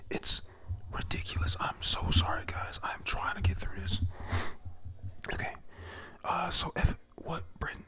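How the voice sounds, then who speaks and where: A man's voice: measured pace, pauses often, fairly bright tone. A man whispering a rambling ASMR review of a comic chapter, full of fillers and self-corrections.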